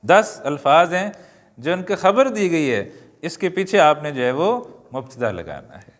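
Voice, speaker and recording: A man teaching an Arabic lesson, reading words slowly and adding joking asides to his students. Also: fairly high pitch, big pitch swings. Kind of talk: classroom-style lesson. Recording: long hall reverb.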